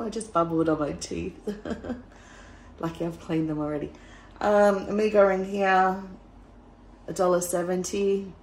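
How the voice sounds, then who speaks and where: A woman, chatting casually in a travel vlog with a husky morning voice and frequent laughs. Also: low voice, darkish tone, reverberant, a little hiss or hum, low-quality recording. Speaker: travel vlogger. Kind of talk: casual vlog chat and narration.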